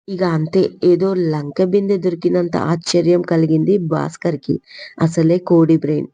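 A woman storyteller reading a story aloud in a steady, plain way. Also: lowish voice, no room sound. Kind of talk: scripted story narration.

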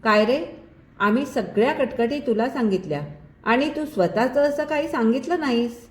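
A woman voicing an affectionate male friend who speaks gently, in a roomy recording. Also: fairly high pitch, moderate pace, voice pushed up, lightly acted. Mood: friendly. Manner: warm, gentle. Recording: roomy echo.

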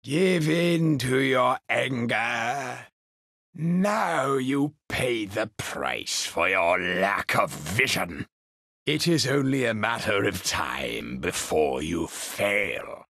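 A man playing a sinister, gloating old emperor in a video game, with a raspy, croaking voice and a menacing, theatrical drawl. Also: medium pitch, very animated, extremely slow, bright, forceful tone, no room sound, studio quality, full character voice. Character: sinister, gloating old male galactic emperor, cruel and imperious. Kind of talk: video game villain acting.

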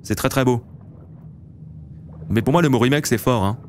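A man's voice: mid-range voice, moderate pace, a little hiss or hum. A man in his late twenties, hosting a let's play and chatting casually to viewers while he plays. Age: late 20s. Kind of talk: casual gameplay commentary.

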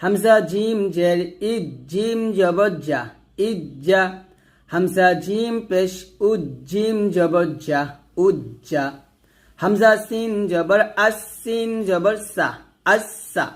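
A man teaching Quran reading, spelling out letters slowly and then blending them into words for viewers to repeat. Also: high voice. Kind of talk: step-by-step recitation lesson.

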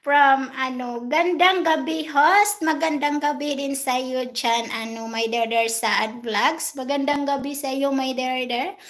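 A woman's voice: high-pitched, a little slow, few pauses, a bit bright. A young woman, hosting a casual livestream and chatting as she reads and thanks viewers one by one. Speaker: livestream host. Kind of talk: casual livestream chat reading viewer comments.

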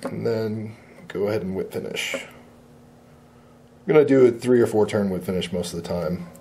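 A man demonstrating fly tying at a shop bench. He talks in a relaxed, plain-spoken way and often says uh. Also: lowish voice, measured pace, creaky, a little hiss or hum.

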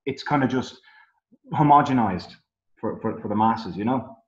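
A man's voice: medium pitch, moderate pace, lo-fi sound. Candid rambling Irish man, roomy sound. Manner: candid, rambling, full of fillers. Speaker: musician guest. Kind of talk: casual podcast chat.

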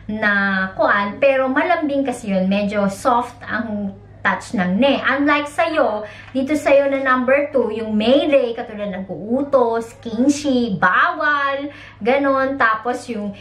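A woman's voice: fairly high pitch, takes it slowly, fairly bright tone, roomy sound. A woman who is a mother, teaching Japanese in a casual spoken lesson, explaining in Tagalog with English words and acting out example lines in a raised voice. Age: young adult or middle-aged, a mother.

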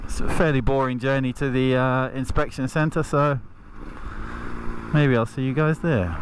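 A man's voice: medium pitch, steady tone, measured pace. Guy vlogging from his bike helmet, rambly, cusses a lot, engine and road noise behind him. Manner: rambling, swears freely. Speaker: motovlogger. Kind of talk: casual riding commentary. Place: on a motorcycle in city traffic outdoors. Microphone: helmet-mounted camera mic.

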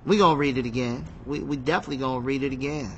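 Excitable man teaching scripture, bright voice. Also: mid-range voice, rapid-fire, slight background noise. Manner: excitable, emphatic, repeats phrases, reads scripture aloud. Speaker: Bible teacher. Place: seated in a chair.

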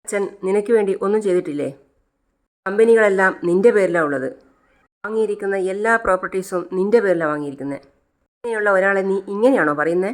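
A woman's voice: medium pitch, fairly quick, close to an everyday voice. A woman voicing an anxious middle-aged mother who scolds her daughter and pleads with her husband. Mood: scolding.

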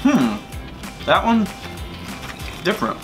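A man's voice: sits high, wildly swooping pitch, slow pace, music in the background. A man co-hosting a casual taste test, talking while chewing popcorn in a thoughtful, musing way. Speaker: co-host of a food taste test. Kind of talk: casual chat.

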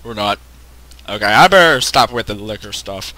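A man's voice: lowish voice, expressive, normal speed, sharp tone. A man giving casual, joking commentary while playing a video game, swearing and laughing at what happens on screen. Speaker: let's play gamer.

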